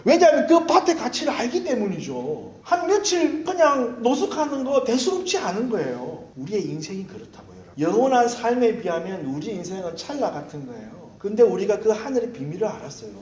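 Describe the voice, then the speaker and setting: Male pastor, high and very expressive delivery, animated anecdotal sermon, roomy church sound. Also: brisk, hardly any pauses. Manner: animated storytelling with candid, self-mocking anecdotes.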